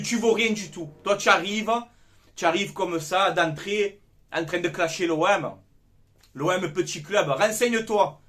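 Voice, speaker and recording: A man's voice: sits high, a bit bright. A young man giving a heated, casual football debrief, swearing freely as he rants. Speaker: football fan commentator.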